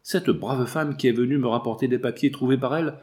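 A man voicing a composed young lawyer who speaks in a calm, measured way, in a storybook reading. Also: mid-range voice, natural voice. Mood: grave.

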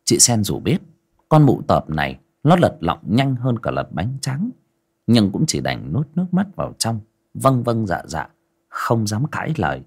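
A male storyteller with a husky voice whose pitch rises and falls dramatically. He tells the tale vividly and expressively, dipping low for the grim moments. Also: big pitch swings, unhurried. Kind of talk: audio folk story narration.

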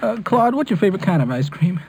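Over the phone, a prank caller improvises, hesitantly and repetitively pleading with the person on the line and calling them by name. His high, sing-song voice moves fast, and a crowd can be heard behind him.

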